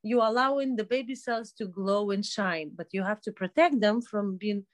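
A woman of forty with a Belarusian accent, talking casually and haltingly as an interview guest. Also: mid-range voice. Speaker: podcast guest, day spa owner and skincare specialist.

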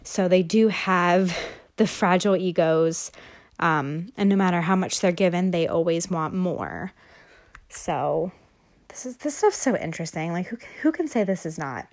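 A woman's voice: fairly low pitch, lively intonation, measured pace. A young woman hosting a casual podcast monologue, talking loosely with many fillers and audible heavy breathing. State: breathing heavily. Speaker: podcast host.

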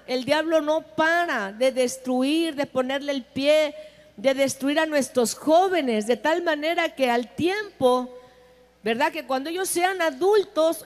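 A woman preaches a sermon in a high voice, taking her time over each phrase. She stresses her points and turns to the listeners with questions. A long reverb trails after her words. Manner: emphatic, asks the audience questions.

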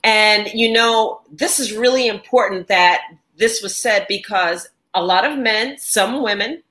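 A woman's voice: mid-range voice, measured pace, fairly bright tone. A woman co-hosting a podcast, speaking reflectively, repeating phrases and posing rhetorical questions. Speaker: podcast co-host. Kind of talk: casual discussion.

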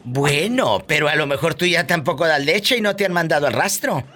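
A flamboyant Mexican man hosting a comedy radio-style podcast, teasing his callers and gossiping. His voice is bright and forceful and swoops widely in pitch. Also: expressive, fairly quick.

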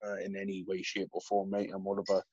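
A man's voice: low voice, completely flat delivery, fast, darkish tone, slightly rough, no echo, dull audio. A man co-hosting a podcast from his home workshop, chatting casually, calling his co-host "mate" and often restarting his sentences. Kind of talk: casual chat.

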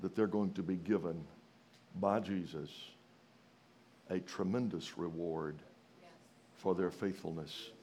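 A man from rural Louisiana with a Southern US accent, preaching a sermon in a folksy, emphatic way, putting questions to his listeners and moving between raised exclamations and hushed phrases. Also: deep voice, fairly even intonation, slow, pauses often, a little hiss or hum. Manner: folksy, rhetorical questions to the congregation.

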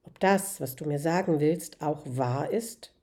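A calm old male philosopher who questions patiently, as a woman reads him aloud. He speaks in a measured way with a soft, mellow tone. He sounds like a figure from a gentle storybook. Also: on the high side. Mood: probing.

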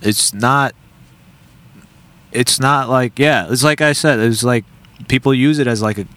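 A man's voice: medium pitch, a little slow, a bit bright, dry recording. A young man, a comedian guest, chatting casually in a parked car, telling loose, profane stories with lots of restarts. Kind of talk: casual podcast chat.

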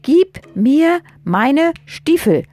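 A woman's voice: lowish voice, expressive, moderate pace, a little mellow. A woman voicing a blustering, fat male Christmas villain who bellows and snarls, his voice cracking with rage, read from a storybook. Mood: furious.

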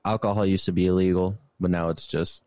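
A man's voice: sits low, fairly even intonation, fairly quick, a little mellow, dry recording, muffled recording. A man hosting a casual podcast, giving his opinions and explaining them with examples, often saying "obviously". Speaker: podcast host. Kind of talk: casual chat.

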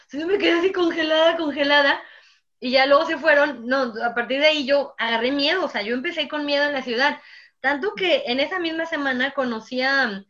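A woman's voice: sits high, brisk, pushed and bright, muffled recording. A young Mexican woman with a Mexican accent, hosting a casual chat and telling stories animatedly, acting out her own past words. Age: young adult.

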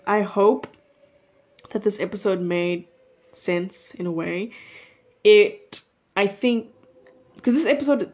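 On her solo podcast, recorded with a mic attached to a phone, a nineteen-year-old host chats loosely, wandering off topic and breaking off mid-sentence. Her voice is lowish with a darkish tone.

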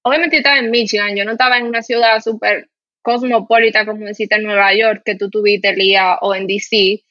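Woman from Latin America, candid and reflective, chatty with fillers; bright tone, dry and slightly dull recording. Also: medium pitch, steady tone, a little fast, dry recording. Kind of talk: casual conversation.

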